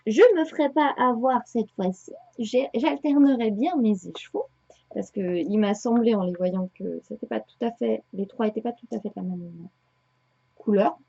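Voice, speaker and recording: A woman's voice: fairly high pitch, moderate pace, gravelly, warm tone, breathy edge. A woman in her thirties chatting casually to viewers about her knitting and sewing projects, rambling with many hesitations. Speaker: knitting podcaster. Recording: dull lo-fi home recording.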